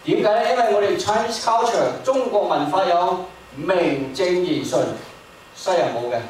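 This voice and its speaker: A man preaching a sermon in an emphatic, repetitive way, paused for an interpreter. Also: high voice, animated, a little mellow, slight background noise. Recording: echoey hall, distant mic.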